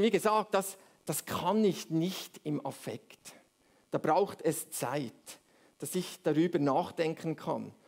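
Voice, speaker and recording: A man's voice: sits high, a little mellow. A man preaching a sermon, explaining step by step and often checking in with "oder?".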